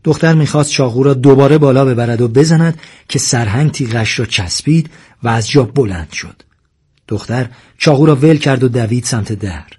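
A man narrating a story in a steady, measured reading voice. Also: medium pitch, breathy edge.

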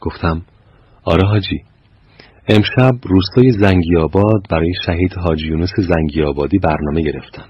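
A man giving scripted narration of short anecdotes, measured and slow, his line endings trailing off softly. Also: low voice, husky, lo-fi sound.

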